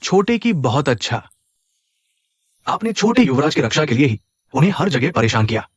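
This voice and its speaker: A man's voice: medium pitch, sing-song, normal speed, slightly rough, dry recording, studio quality. A man voicing a loyal older aide who earnestly explains family matters. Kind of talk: Hindi drama dubbing.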